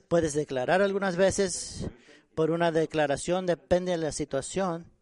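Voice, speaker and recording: A man preaching a sermon on prayer, earnest and halting, often repeating and restarting words. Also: a little high, a little mellow.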